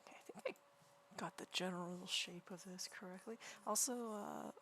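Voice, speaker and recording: A woman livestreaming while she draws, chatting casually in a quiet, soft, near-whispered voice and rambling through many restarts. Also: lowish voice, moderate pace, slight background noise. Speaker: livestreaming artist. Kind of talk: casual chat while drawing. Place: home room beside a partner who is gaming.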